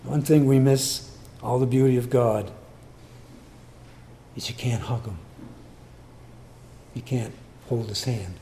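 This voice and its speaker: Gravelly-voiced man preaching a sermon. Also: mid-range voice, fairly even intonation, slow pace, pauses often, a little hiss or hum. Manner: swings from loud emphatic stresses to hushed near-whispers; preaching with repeated emphatic phrasing. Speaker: pastor.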